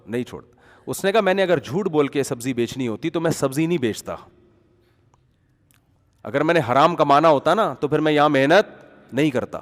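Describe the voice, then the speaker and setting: Male preacher, lively and emphatic in delivery, slightly high voice, lingering hall echo. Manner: animated, conversational, rising to emphatic peaks. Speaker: Islamic preacher. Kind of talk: storytelling sermon.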